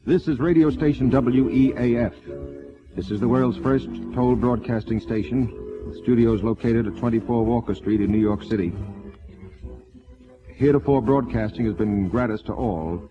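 A man's voice: mid-range voice, normal speed. Man announcing over old AM radio. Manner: stiff, formal announcing. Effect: AM radio broadcast sound. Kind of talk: formal station announcement. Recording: muffled old radio broadcast with music.

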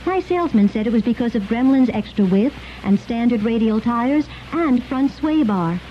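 A woman's voice: on the high side, lively intonation, moderate pace, natural voice. A woman playing a fond, chatty car owner telling her story in a scripted radio testimonial. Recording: dull lo-fi radio ad, faint noise.

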